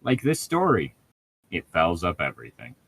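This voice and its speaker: This man's low, fairly bright voice swoops wildly in pitch and carries a breathy edge as he reads fan fiction aloud at normal speed. Acting as co-host, he breaks off for sarcastic, sweary, irreverent asides mocking the story, in a dry recording.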